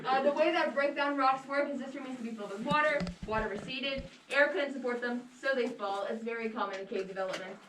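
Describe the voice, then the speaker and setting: High-voiced woman guiding a tour, cave echo. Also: fast talker, few pauses, fairly bright tone. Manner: casual, joking. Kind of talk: guided tour commentary to a group. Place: underground cave room. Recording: echoey cave, distant mic, clear background noise.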